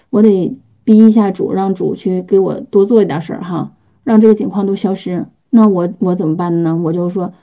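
Woman giving a chatty sermon, dark voice. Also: mid-range voice. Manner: conversational, animated, acts out little scenes and prayers. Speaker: preacher. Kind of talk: informal sermon. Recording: dull lo-fi recording.

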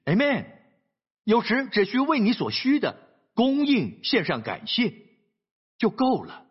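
High, lively male preacher. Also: unhurried, breathy edge, muffled recording. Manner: animated storytelling preacher, rhetorical asides. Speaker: pastor. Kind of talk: sermon.

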